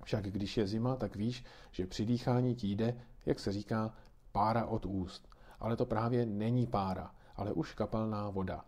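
A man's voice: lowish voice, fairly even intonation, darkish tone. A man reading aloud and voicing a kindly grandmother who patiently explains things to children. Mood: patiently explaining.

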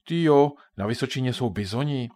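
A man voicing a naive young boy in a children's audiobook, talking eagerly and a bit too loudly. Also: medium pitch, pitched above the performer's own voice, natural voice. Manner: eager, a bit too loud, then shaky.

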